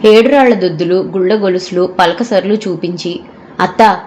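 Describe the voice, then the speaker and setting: A woman narrating an audio novel in a steady storytelling manner. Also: fairly low pitch, normal speed, slight background noise.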